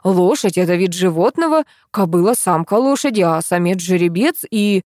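A pedantic young man who cannot stop explaining, droning on like a lecture, as a woman narrator puts him on. The voice stays near the reader's own, with a lively rise and fall. It is recorded dry and close. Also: on the low side, brisk, no room sound, lightly acted. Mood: lecturing. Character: pedantic young man, know-it-all quiz winner.

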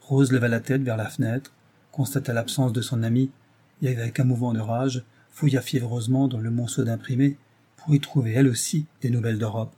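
A man reads a novel aloud as an audiobook, his storytelling measured and even. His voice is mid-range with a breathy edge.

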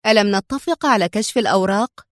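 A woman's voice: medium pitch, lively intonation, no room sound, studio quality, natural voice. A woman voicing a bold, determined young woman who bargains in a cool, businesslike way. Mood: sharp. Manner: businesslike, cool, quick to turn sharp.

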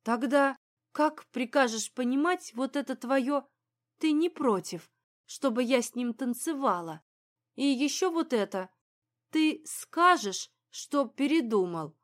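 A woman's voice: high voice, animated, takes it slowly, hardly any pauses, mellow. A woman voicing a reproachful wife in her thirties, speaking sharply. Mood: indignant.

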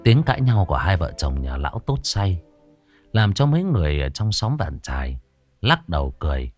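A man tells a ghost story in a low, dramatic voice. His pitch rises and dips with lively expression. Faint music sits quietly beneath him. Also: normal speed. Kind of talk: scripted horror narration.

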